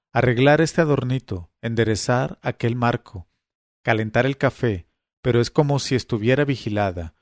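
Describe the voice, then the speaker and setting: A man reading a first-person story aloud in a measured, suspenseful way. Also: mid-range voice, no room sound, clean studio sound.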